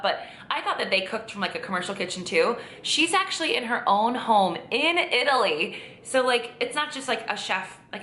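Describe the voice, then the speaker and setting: Chatty woman, bright echoey voice. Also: mid-range voice, slight background noise. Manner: chatty, gushing, many fillers and restarts. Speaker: vlogger. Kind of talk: casual vlog chat.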